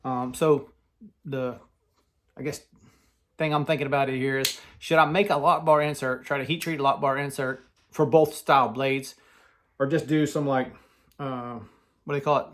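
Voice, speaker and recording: A man's voice: medium pitch, steady tone, normal speed, pauses often. Male vlogger with a Southern US accent, mid-range voice, rambling and unscripted. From Southern United States. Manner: rambling, loose, lots of fillers and restarts. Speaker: knife collector vlogger. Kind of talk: casual chat.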